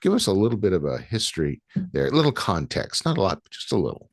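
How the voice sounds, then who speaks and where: Low-voiced chatty male podcast host. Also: huge pitch swings, fast talker, no room sound, studio quality. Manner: chatty, rambling with many restarts. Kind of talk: casual interview.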